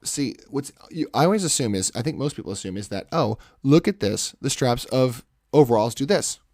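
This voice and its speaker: A man hosting an art livestream talks fairly quickly, with lively intonation and a mid-range, slightly mellow voice. He chats casually while sketching, rambling and correcting himself with commanding, salesman-like confidence. He is close to the mic in a dry recording.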